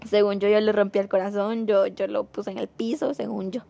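A young woman telling a personal story in a casual, rambling way, with many fillers, mostly soft and subdued but rising when frustrated. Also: mid-range voice, level tone, fairly quick, creaky, dry recording. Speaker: vlogger.

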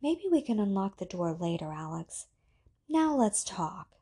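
A woman voicing a soft, seductive computer. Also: mid-range voice, sing-song, unhurried, slightly rough. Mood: calm, controlling. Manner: soft, ethereal, coaxing.

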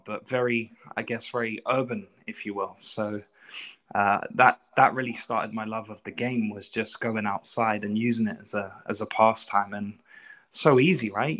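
A North London soccer coach, appearing as a guest, tells stories in a casual interview. His voice is fairly low, a little bright, and moves at a normal pace. He comes across as polite and reflective, often wandering into asides.

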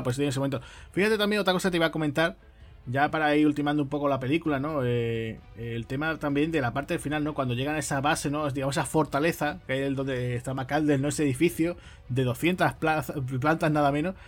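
A man, co-hosting a podcast, chatting about a film in an animated way and acting out lines from it. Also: a little high, faint music behind. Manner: animated, acts out film lines in quick impressions. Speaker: podcast co-host. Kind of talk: casual film discussion.

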